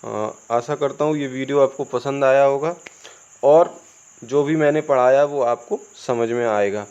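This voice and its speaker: A man's voice: medium pitch, unhurried, darkish tone, clear, resonant tone. A man with an Indian accent, a native Hindi speaker, teaching English. He spells words out letter by letter and asks and answers his own questions. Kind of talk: classroom-style spoken lesson. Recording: dull lo-fi recording, crickets behind.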